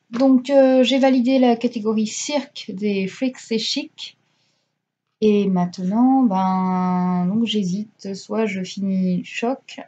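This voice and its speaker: A woman's voice: medium pitch, mellow, highs cut off. A young woman chatting casually about her reading weekend, rambling with many hesitations and self-corrections and poking fun at herself. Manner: self-mocking. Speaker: booktuber.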